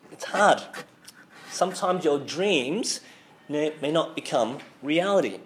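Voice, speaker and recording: A sick man, his voice a bit off, preaches a sermon to a student group, full of fillers and restarts. He speaks at medium pitch over slight background noise.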